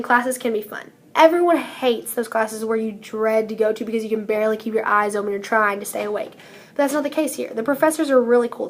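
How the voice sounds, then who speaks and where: A woman's voice: fairly high pitch, a little hiss or hum. A teenage girl gives an earnest, upbeat prepared speech as a student speaker, reading from a script. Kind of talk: prepared speech read aloud.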